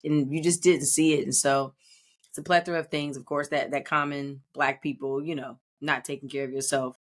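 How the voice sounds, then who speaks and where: A woman's voice: deep voice, little pitch movement, moderate pace. Reflective woman in her thirties. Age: 30s. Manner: reflective, rambling with many restarts. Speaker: podcast co-host. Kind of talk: casual podcast chat.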